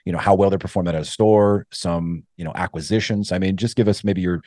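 A man's voice: low-pitched, steady tone, fast, dark tone, no echo, studio quality. A man hosting a podcast, asking long, rambling questions and affirming his guest in a casual interview. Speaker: podcast host.

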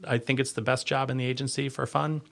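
A man giving a conversational podcast interview as an agency leader, earnest and halting, often rephrasing as he goes. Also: mid-range voice, flat delivery, vocal fry.

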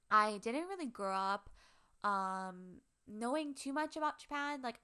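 An American woman in her twenties from Hawaii, a podcast co-host telling personal stories casually in a halting, informal and self-effacing way. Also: mid-range voice, sharp tone, clean tone. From Hawaii, United States. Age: 20s.

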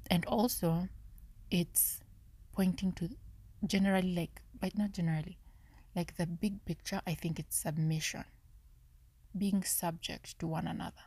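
A woman talks through a Bible study as if thinking aloud, her voice pitched low and drifting into a near-whisper. She searches for words and corrects herself as she goes. The sound is dry and close, with no room around it. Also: steady tone, unhurried, pauses often, warm tone, husky, dry recording. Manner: low, half-whispered speaking; searching, self-correcting musing. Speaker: podcast host.

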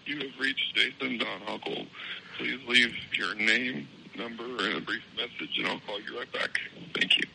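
A man's own answering machine greeting, played over a phone call, spoken slowly and deliberately. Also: medium pitch, steady tone, gravelly, bright, forceful tone, a little hiss or hum. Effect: his own recorded answering machine greeting, played over a phone call.

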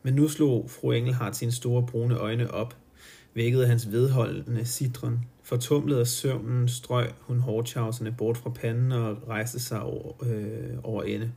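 A man's voice: mid-range voice, steady tone, gravelly, warm tone, husky. A man reading a novel aloud for someone close to him, stumbling now and then and correcting his slips. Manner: halting, stops to correct his own slips. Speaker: reader.

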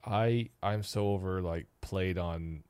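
Low-voiced joking podcast co-host man. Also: takes it slowly, darkish tone, clear, resonant tone, no room sound. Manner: rambling, joking, repeats words. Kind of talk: casual chat.

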